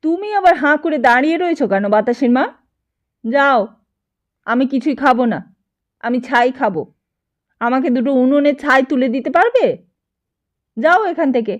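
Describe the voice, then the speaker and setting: A fretful, short-tempered older widow scolds her household in a raised, complaining voice, as a woman narrator puts her on. The voice sits high and the audio is a little dull and lo-fi. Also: normal speed, mellow, natural voice. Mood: exasperated.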